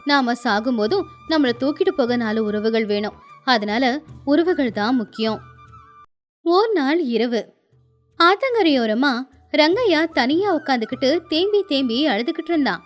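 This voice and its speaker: A woman telling a moral story in storybook narration, clear and measured. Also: high-pitched.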